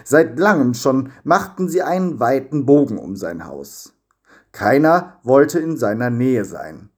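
A man reading a children's story aloud with expressive, lively storytelling. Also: medium pitch, measured pace, husky. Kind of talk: scripted storybook narration.

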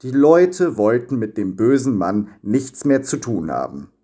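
A man reading a children's story aloud with expressive, lively storytelling. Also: mid-range voice, unhurried, husky. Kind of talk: scripted storybook narration.

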